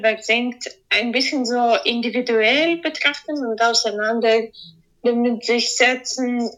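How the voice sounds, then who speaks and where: Woman, composer being interviewed, slightly high voice, slow, hesitant, searches for words. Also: fairly bright tone, poor audio. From Ukraine. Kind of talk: interview answers.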